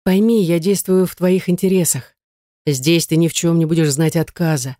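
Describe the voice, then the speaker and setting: A woman reading a stern, domineering husband in a lowered, curt voice. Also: fairly even intonation, normal speed, dark tone, no room sound, clean studio sound, close to an everyday voice. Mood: placating.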